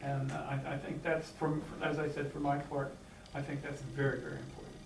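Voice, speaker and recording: In an echoey meeting hall, picked up by a distant mic over faint hiss, an American man speaks from the floor as a clan member. His mid-range delivery is flat and a little fast, and his unscripted remarks are hesitant, with plenty of fillers and restarts.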